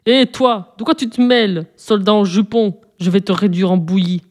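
A woman's voice: mid-range voice, moderate pace, a little mellow, lightly acted. A woman voicing a huge, cruel male giant who sneers and later coaxes sweetly, in a storybook reading. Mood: mocking. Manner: sneering, then falsely sweet and coaxing.

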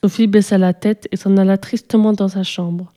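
A woman reading a children's story aloud with steady, even storytelling. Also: medium pitch, normal speed. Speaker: narrator.

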